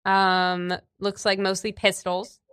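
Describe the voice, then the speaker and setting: Bright-voiced woman running a tabletop game. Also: mid-range voice, flat delivery, clean tone, no echo, clean studio sound. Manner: halting, hedging, thinking aloud. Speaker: game master. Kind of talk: describing scenes in a casual tabletop game.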